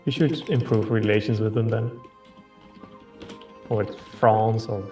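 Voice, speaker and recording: A man's voice: lowish voice, steady tone, measured pace, dark tone. A man chatting casually and advising a friend on strategy during a game, recorded in a roomy space away from the mic. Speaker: fellow player advising on strategy. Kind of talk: casual gaming chat. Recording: roomy, distant mic, music behind.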